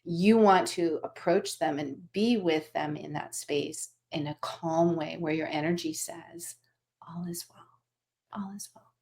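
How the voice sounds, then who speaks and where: Over a video call, a woman with a low-pitched voice teaches animal Reiki to her students. She speaks gently but rambles, with plenty of fillers and restarts.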